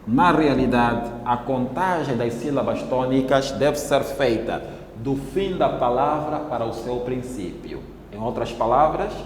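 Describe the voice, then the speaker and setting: A male teacher with an Angolan Portuguese accent, giving a televised classroom lesson and spelling out syllables slowly and deliberately. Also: medium pitch, a little hiss or hum. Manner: slow, deliberate, syllable-by-syllable explaining. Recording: echoey room with long reverb.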